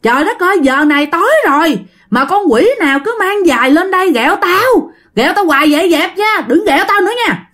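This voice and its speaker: Woman doing a fed-up middle-aged Southern Vietnamese woman, scolding, pitched well above her own voice. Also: animated, fairly quick. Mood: furious scolding. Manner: shrill scolding yells.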